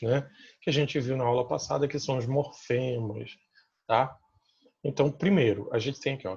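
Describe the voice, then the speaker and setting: A man's voice: mid-range voice, a little mellow, slightly rough, lo-fi sound. A male teacher with a Brazilian Portuguese accent, explaining a grammar lesson from slides and ending many phrases with little checking questions. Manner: checks in with listeners through constant tag questions; points to examples on the slide as he goes.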